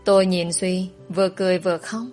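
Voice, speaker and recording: A young woman calmly narrating a first-person story. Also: fairly low pitch, brisk. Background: faint background music.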